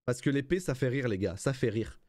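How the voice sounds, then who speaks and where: A man's voice: medium pitch, a little fast, a little mellow, no echo, soft background music. A man streaming casually, chatting with viewers while playfully cooing at his baby son. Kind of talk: casual live-stream chat.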